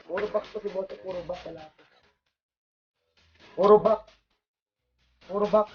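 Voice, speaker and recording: A man's voice: sits high, steady tone, unhurried, highs cut off, soft background music. A man, taunting and swearing at his opponent during a mobile game stream. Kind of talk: trash-talking live gameplay banter.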